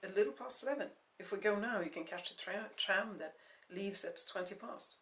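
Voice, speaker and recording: A woman's voice: mid-range voice, moderate pace, a bit bright, close to an everyday voice. A woman voicing an earnest, cautious young man who speaks patiently and pleadingly. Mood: calm. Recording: roomy echo.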